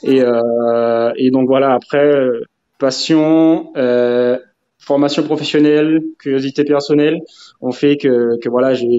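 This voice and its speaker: A man's voice: medium pitch, dark tone. A man from Martinique, a rum specialist guest, speaking hesitantly with many fillers on a live video call. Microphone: phone on a video call. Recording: dull lo-fi call audio.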